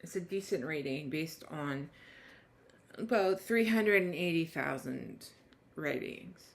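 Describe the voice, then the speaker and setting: A woman's voice: sits low, lively intonation, slow pace, gravelly. A woman reviewing a book, reading its blurb aloud and then chatting loosely with many restarts. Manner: rambling, many restarts and trailing thoughts. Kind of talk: casual book review chat.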